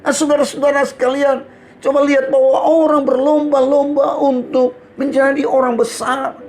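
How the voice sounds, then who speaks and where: A man preaching a radio sermon from Central Sulawesi, telling a story and addressing listeners as brothers and sisters. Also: very high voice. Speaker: preacher on a morning devotional radio program.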